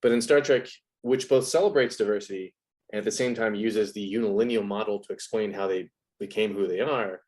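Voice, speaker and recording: With a fairly low, darkish voice and a brisk pace, this man talks as an interview guest, the same video essay presenter, laying out ideas casually in elaborate, scholarly phrasing.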